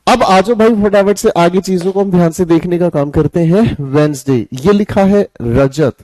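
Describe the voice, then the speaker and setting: Male teacher, slightly high voice, jokey and coaxing, live class. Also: moderate pace, a little mellow, no room sound. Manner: coaxing, repeats questions and answers them himself; jokey, scolds students playfully. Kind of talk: live online grammar class.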